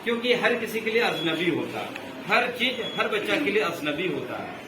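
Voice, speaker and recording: A male English teacher, slowly reciting word forms in a classroom grammar lesson. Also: sits high, very animated. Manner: slow, drawn-out recitation with repeated drills. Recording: echoey room from far off with noise.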